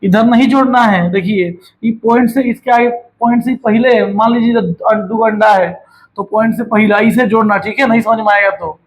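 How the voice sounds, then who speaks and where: A man runs a maths lesson in a fairly high voice. He talks in a chatty, teasing way, scolding his students and breaking into bits of song between steps. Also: steady tone, moderate pace, low-quality recording. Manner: chatty teacher, scolds and jokes with students, sings snatches of songs. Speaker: maths tutor.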